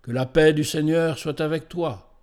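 A venerable old carpenter speaks slowly and solemnly, each question measured and grave, as a narrator reads him. The tone stays calm and dignified throughout this storybook scene. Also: male voice, fairly high pitch, pitched above the performer's own voice, close to an everyday voice. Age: older.

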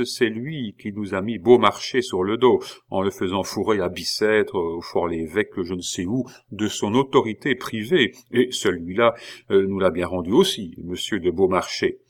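A man voicing a calm, ironic king in an audiobook reading, humming and drawling before his lines. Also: lowish voice, close to an everyday voice. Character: King Louis XVI, calm, dry, ironic middle-aged man.

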